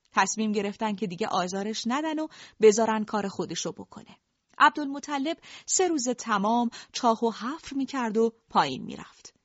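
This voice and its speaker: A woman's voice: fairly high pitch, a bit bright, dry recording. Woman telling a story, dull dry sound. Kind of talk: storytelling narration.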